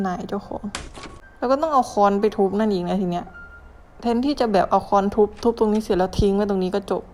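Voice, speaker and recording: A woman's voice: mid-range voice, a little mellow, slight background noise. A woman giving casual running commentary on a mobile horror game, exclaiming, swearing and scolding the game as she plays. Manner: chatty running self-talk with sudden exclamations.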